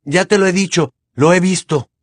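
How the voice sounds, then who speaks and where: A man voicing a stubborn, desperate teenage boy wizard who shouts in heated defiance. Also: a little high, fast, no room sound, clean studio sound, pitched above the performer's own voice, close to an everyday voice. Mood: angry, insistent.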